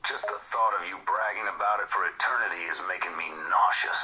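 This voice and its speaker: A grumpy, short-tempered mutant, voiced by a man who meets every joke with scorn. His voice sits very low yet cuts with a hard, sharp edge. He speaks in curt, irritable bursts. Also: steady tone, quick pace, lo-fi sound. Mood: scornful. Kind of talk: comic banter dialogue.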